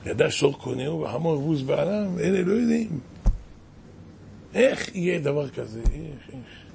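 A man's voice: on the high side, animated, creaky, darkish tone, a little hiss or hum. A man preaching a sermon as a rabbi, impassioned and exclaiming, with many rhetorical questions.

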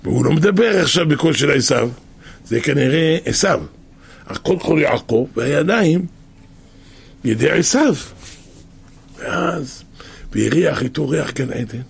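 A man retelling a scripture story in a halting, conversational way, with many restarts and a raspy, husky voice. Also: a little high, animated.

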